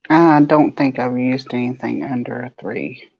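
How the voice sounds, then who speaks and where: A woman's voice: very deep voice, measured pace, highs cut off. A woman with a Southern US accent hosting a crochet live stream, chatting casually with viewers and laughing often. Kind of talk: casual chat reading viewer comments.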